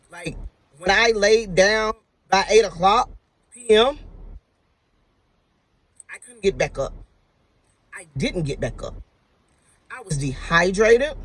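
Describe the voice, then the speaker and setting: A woman's voice: medium pitch, low-quality recording. Chatty woman nurse telling a story. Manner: emphatic, chatty, addresses viewers as y'all. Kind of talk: casual storytelling vlog to viewers.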